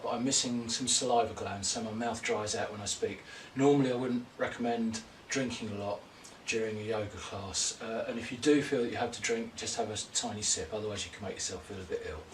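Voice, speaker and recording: A man teaching a yoga class, calmly and slowly guiding breathing and poses. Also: mid-range voice, slight background noise. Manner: slow, gentle, calm cueing of breath and poses. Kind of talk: guided yoga class instruction. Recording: roomy echo, distant mic, faint ambience.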